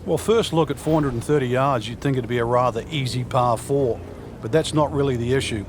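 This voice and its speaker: A man's voice: medium pitch, a little fast, natural voice. A man acting as a golf commentator and analyst, explaining holes and shots in a conversational way. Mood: explanatory. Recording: noisy outdoor crowd ambience behind. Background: crowd, outdoor noise.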